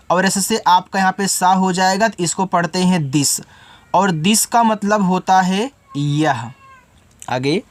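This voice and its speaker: A man teaching English spelling step by step, patiently spelling out letters and asking then answering his own questions. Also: high voice.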